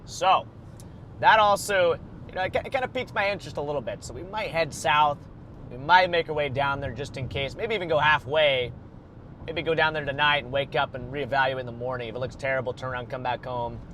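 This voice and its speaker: A man's voice: a little high, brisk, bright, forceful tone, slight background noise. A man livestreaming storm chasing from a moving car, thinking aloud in casual, rambling commentary full of fillers. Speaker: storm chaser streaming live.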